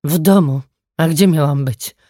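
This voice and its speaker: A woman reading the part of a bitter grieving mother in an audiobook, speaking in a sharp, accusing way. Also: low voice, a little slow, dry recording, clean studio sound.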